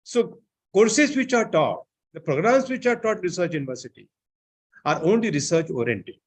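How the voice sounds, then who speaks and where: A man giving an online seminar lecture, often filling pauses with "I think, you know". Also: sits high, animated. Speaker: seminar speaker.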